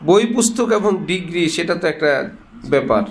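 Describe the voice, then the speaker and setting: A man's voice: a little high, expressive, moderate pace, slight background noise. A man giving a sermon, conversational and joking, laughing as he teaches. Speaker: Islamic preacher. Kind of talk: sermon with humorous anecdotes.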